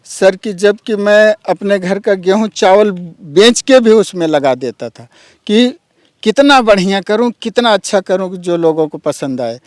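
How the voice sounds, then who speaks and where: A man's voice: sits high, animated, measured pace, no echo. A man telling his own story earnestly, often addressing the interviewer as sir. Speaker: interviewee, village YouTuber. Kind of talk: emotional personal account.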